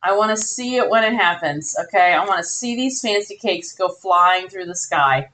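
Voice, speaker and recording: A woman commentating her own live game stream in a bubbly, excitable way, squealing when she wins. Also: on the low side, normal speed.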